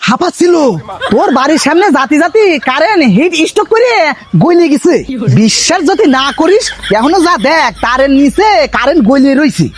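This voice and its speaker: A man playing a smooth-talking village swindler in a comic drama, spinning drawn-out excuses. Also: very high-pitched, animated, a crowd in the background. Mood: blustering. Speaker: con man selling fake electricity.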